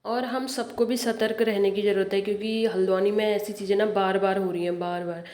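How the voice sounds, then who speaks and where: A woman's voice: mid-range voice, steady tone, a little fast, a little mellow, no room sound. A woman giving a casual, earnest vlog account of local news from a rooftop, often repeating her points for emphasis. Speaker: vlogger. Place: outdoors on a house rooftop.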